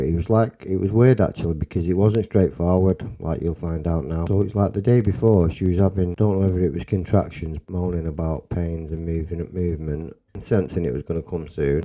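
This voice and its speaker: A young man with a Salford accent telling a personal story in a rambling, excitable way, swearing and restarting often. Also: extremely low pitch, rough recording. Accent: Salford English. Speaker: storyteller guest.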